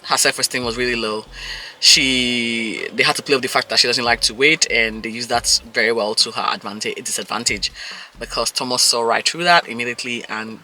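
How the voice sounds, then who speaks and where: A man giving a casual, gossipy recap of a reality dating show, animated and quick to act out people's reactions. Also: mid-range voice, a little hiss or hum. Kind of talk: casual episode recap commentary.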